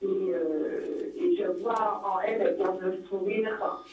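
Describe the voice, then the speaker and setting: A woman calling in to a radio show, speaking in an earnest, halting way with many pauses. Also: mid-range voice, steady tone, darkish tone. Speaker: caller. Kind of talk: call-in radio chat. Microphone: telephone. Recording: echoey tinny phone line from far off.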